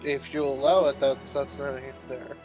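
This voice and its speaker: A man's voice: medium pitch, little pitch movement, normal speed, darkish tone, soft background music. A man chatting casually as a player in a tabletop game.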